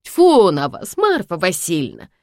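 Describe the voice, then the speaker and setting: A fussing, superstitious old housekeeper, voiced by a woman in a storybook reading. She clucks and worries emphatically. The voice sits low and is recorded dry and close. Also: very animated, measured pace, darkish tone, dry recording, heavily acted. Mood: fretting.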